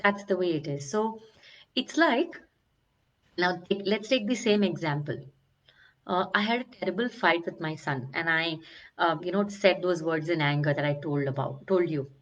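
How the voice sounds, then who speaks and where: A woman's voice: lowish voice, normal speed. A middle-aged woman, a wellbeing coach giving an earnest, searching talk on emotional healing. She often restarts and stretches words for emphasis. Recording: slightly dull, lo-fi sound.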